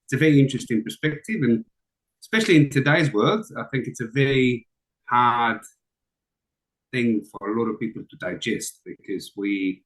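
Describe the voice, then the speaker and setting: A man's voice: mid-range voice, moderate pace, rough recording. A middle-aged man from Israel, a guest talking casually on a call with frequent ums and restarts. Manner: relaxed, hesitant with frequent fillers. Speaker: interview guest. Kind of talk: casual conversation.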